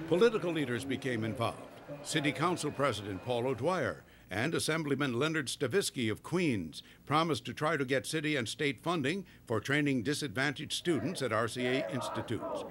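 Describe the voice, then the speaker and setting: A man narrating a documentary in a measured, formal scripted read. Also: medium pitch, background noise. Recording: narration over clear music.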